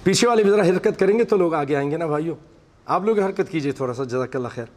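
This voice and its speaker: High-voiced preacher in an echoing hall. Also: male voice, animated, a little mellow. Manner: recites Arabic then explains it; vivid storytelling delivery. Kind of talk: sermon. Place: mosque hall with seated congregation. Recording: long echoey hall reverb.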